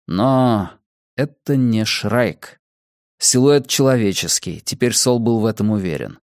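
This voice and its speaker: Dry, measured male audiobook narrator. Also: medium pitch, a little mellow, no room sound. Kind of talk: scripted narration.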